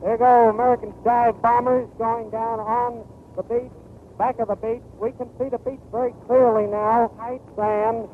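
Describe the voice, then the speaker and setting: Male combat reporter, high voice, urgent on-the-spot commentary, old muffled wartime field recording. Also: little pitch movement, normal speed, a little hiss or hum. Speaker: combat correspondent. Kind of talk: live battlefield commentary. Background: gunfire and artillery.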